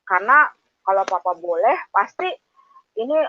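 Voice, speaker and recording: A woman in her fifties from Padang, Indonesia, telling her personal testimony in an animated way, full of hesitant fillers. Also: mid-range voice, normal speed, muffled recording. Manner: animated, acts out quoted voices, many hesitant fillers. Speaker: testimony speaker.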